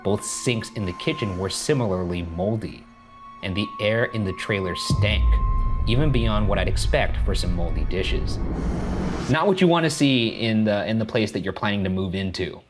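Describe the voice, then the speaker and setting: A young man hosting a show, reading a horror story in a measured way and chatting wryly in a dark studio. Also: on the low side, expressive. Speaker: host and story reader. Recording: music playing underneath.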